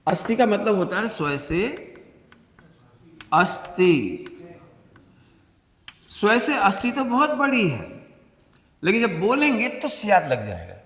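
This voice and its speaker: A man teaching a religious workshop, slowly explaining with everyday examples and often asking whether everyone understood. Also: high-pitched, very animated, a bit bright. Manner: keeps asking listeners if they understood. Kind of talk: classroom-style religious discourse. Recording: reverberant hall sound.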